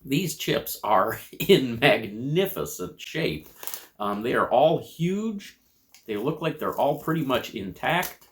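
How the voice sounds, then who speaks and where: With a medium-pitched, sing-song voice, an American man reviews food casually for the camera. His comments are measured and descriptive, punctuated by chip crunching and chewing.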